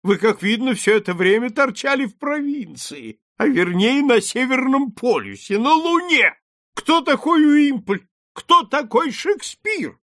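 Man doing a gushing, excitable old lord. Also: very high voice, a little slow, pitched above the performer's own voice, exaggerated voice. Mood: ecstatic. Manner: breathless, rising exclamations.

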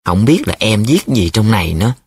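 A man's voice: fairly low pitch, sing-song, fairly quick, darkish tone, breathy edge, dry recording, studio quality, heavily acted. A man voicing a flustered, secretive young male student in love who talks in a hesitant, defensive way, in an audiobook.

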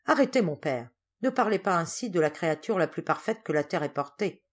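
A woman's voice: on the low side, expressive, a little fast. A woman reading the part of an impassioned young man pleading with his father, in a fervent, declamatory way. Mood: indignant.

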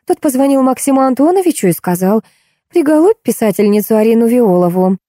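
A woman reading the lines of a weary middle-aged woman who patiently calms her quarrelsome companion, in an audiobook. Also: on the high side, brisk, no echo, studio quality, voice pushed up. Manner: patient, then exasperated.

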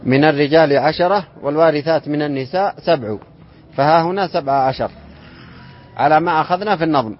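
A man teaching an Islamic inheritance lesson to students, reciting verse lines slowly and then explaining them and quizzing the class. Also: a little high. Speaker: sheikh teaching inheritance law. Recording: dull lo-fi classroom recording.

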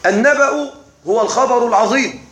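A man teaching a classical text to a class, slow and deliberate, often checking that his students are following. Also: very high-pitched, a bit bright. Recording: echoey room.

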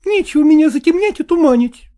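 A man doing a shrill, jealous, tearful woman. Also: animated, quick pace, warm tone. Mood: reproachful. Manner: shrill, pressing, reproachful questioning. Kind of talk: audiobook character reading.

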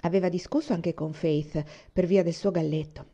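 Mellow woman reading a novel aloud. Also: on the low side, normal speed, muffled recording. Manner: calm, even storytelling narration. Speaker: audiobook reader.

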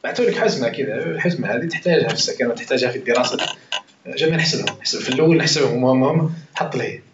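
Algerian male Quran teacher, rapid and conversational, quizzing his circle; roomy, muffled recording. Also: mid-range voice, animated, a little hiss or hum. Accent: Algerian Arabic. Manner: conversational, swears oaths, quizzes listeners. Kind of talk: informal Quran commentary lesson.

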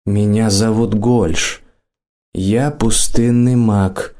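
A man reading the part of an old desert mage who talks slowly, curtly and warily. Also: lowish voice, fairly even intonation, mellow. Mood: measured.

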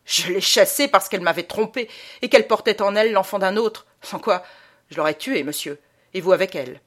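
A woman's voice: medium pitch, brisk, close to an everyday voice. Woman voicing a stammering old priest. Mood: furious.

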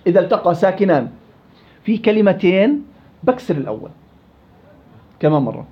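Fairly quick and sing-song, this high-pitched male voice belongs to a Quran recitation teacher going over tajweed rules. He quizzes the students and drills examples aloud, and the classroom audio is dull and lo-fi.

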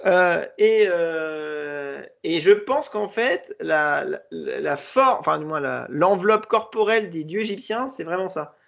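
A man with a high, gravelly voice talks casually on a podcast, stopping and restarting often. The sound is muffled and lo-fi. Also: expressive, measured pace, fairly bright tone. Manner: hesitant, many fillers and restarts. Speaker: podcast co-host. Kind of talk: casual chat.

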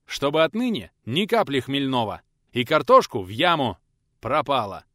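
A man voicing a stern, gruff elderly male teacher who scolds and gives orders but is kind at heart. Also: mid-range voice, very animated, normal speed, dry recording, clean studio sound, close to an everyday voice. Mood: commanding. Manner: gruff, commanding.

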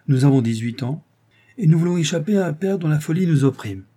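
A man voicing a sly, scheming older lawyer who flatters and insinuates in an audiobook. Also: a little high, a little fast, pitched above the performer's own voice. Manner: wheedling and insinuating.

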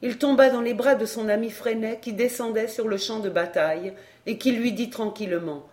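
A woman narrating a novel in a steady, measured way. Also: a little high. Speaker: audiobook narrator.

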